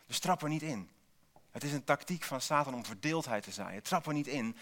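A man's voice: medium pitch, lively intonation, a little fast, a bit bright. A man preaching a sermon in a church, posing rhetorical questions and repeating single key words for emphasis, with dry asides to the congregation.

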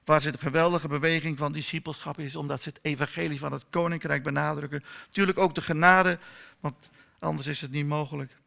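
A man's voice: a little high, fairly even intonation, brisk, vocal fry, bright, forceful tone. A man preaching a sermon in church, moving from telling a story to emphatic preaching and prayer.

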